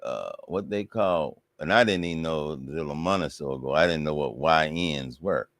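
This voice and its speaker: A man hosting a live Q&A chat, asking questions in a halting way as he searches for his words. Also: extremely low pitch, a bit bright, no room sound, studio quality. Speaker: host.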